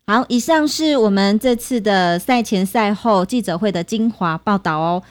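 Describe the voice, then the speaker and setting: A woman's voice: mid-range voice, moderate pace. A woman co-hosting a casual podcast, listening closely with short replies and wrapping up segments. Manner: attentive listener, short backchannels, repeats words to practice. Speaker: co-host.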